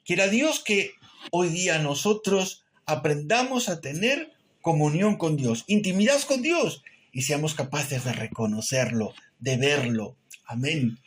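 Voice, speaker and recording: A man's voice: a little high, fairly bright tone. A man preaching a short sermon meditation, earnest, often adding amen and little tag questions.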